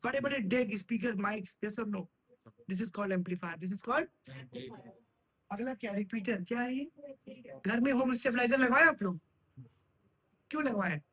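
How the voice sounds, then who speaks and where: A man's voice: very high voice, measured pace, long pauses, pushed and bright, low-quality recording. A man teaching computer science in a classroom, often stopping to put check questions to his students. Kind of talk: classroom lecture.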